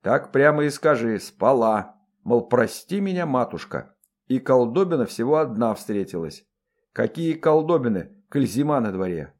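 A man's voice: medium pitch, very animated, normal speed, darkish tone, close to an everyday voice. A man voicing a coarse young noblewoman who scolds her servant bluntly. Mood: scolding. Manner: gruff scolding.

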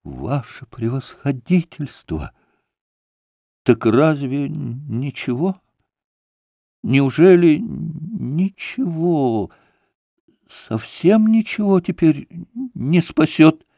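A man doing a poor staff captain in a storybook reading, desperate and imploring. The voice rises high and thins out, and the words come slowly and stall. The sound is close and dry. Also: big pitch swings, creaky, mellow, no room sound, heavily acted. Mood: desperate pleading. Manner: imploring, breaking off mid-plea.

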